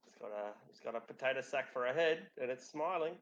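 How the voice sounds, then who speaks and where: A man running a tabletop game as game master, describing scenes in a relaxed, joking way and swearing freely. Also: mid-range voice, fairly quick. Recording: dull lo-fi audio with faint music.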